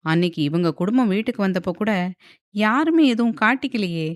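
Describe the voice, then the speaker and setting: A woman's voice: medium pitch, animated, a little fast, dry recording, studio quality, natural voice. A woman voicing an amazed young husband who talks in astonished exclamations.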